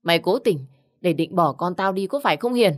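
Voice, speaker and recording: A woman's voice: on the low side, animated, a little fast, lightly acted. A woman reader voicing an angry, jealous young husband who speaks in harsh, accusing bursts. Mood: furious.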